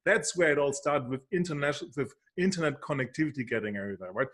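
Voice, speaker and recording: A man's voice: a little high, quick pace, fairly bright tone. A man appearing as an analyst guest on a video call, playful and teasing, often tagging his points with "right?". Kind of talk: casual interview chat.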